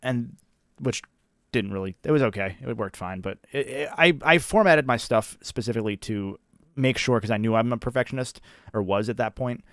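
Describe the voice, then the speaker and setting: A man hosting a casual livestream, talking in a practised presenter voice with a deliberate, halting, self-correcting delivery. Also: medium pitch, fairly bright tone, no echo, clean studio sound. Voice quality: practised character speaking voice. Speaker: video creator hosting an anniversary livestream.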